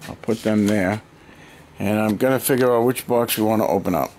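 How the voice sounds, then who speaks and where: Older male collector for a casual home vlog: deep, rambling, lists things one after another; noisy handheld camera sound in a basement. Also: a little fast, darkish tone. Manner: rambling, chatty, listing items one by one. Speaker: collector showing his hoard. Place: cluttered basement storage room. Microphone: handheld camera mic.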